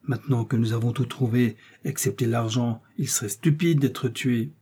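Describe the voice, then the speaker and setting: An eager young musketeer in a read-aloud novel, practical and pressing, as a man reading puts him on. The tone is dark and husky. He pushes the others to move along. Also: medium pitch, moderate pace, lightly acted. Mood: urgent.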